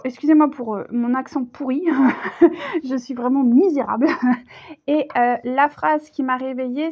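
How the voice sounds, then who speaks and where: A woman giving a casual tarot reading, chatty and hesitant, with many fillers. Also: high voice. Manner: chatty, hesitant, full of fillers, laughs easily. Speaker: tarot reader. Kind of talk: casual spoken tarot video. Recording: dull lo-fi sound.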